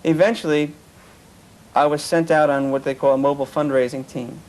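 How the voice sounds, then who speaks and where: This interviewee has a fairly high, darkish voice, speaks a little fast with fairly even intonation, and the audio is poor. He tells a sincere personal story of his cult experience, frequently repeating others' words.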